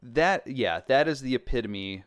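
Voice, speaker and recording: Animated male podcast co-host. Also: medium pitch, a little slow, clear, resonant tone. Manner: animated, acts out quotes in put-on voices. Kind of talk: casual chat.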